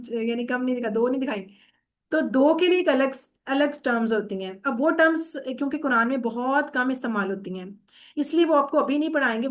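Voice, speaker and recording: A woman teaching an online Arabic grammar class. She explains patiently, often checks that students follow, and mixes English words into her explanations. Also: high-pitched. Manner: patient, often checks understanding with "theek hai?".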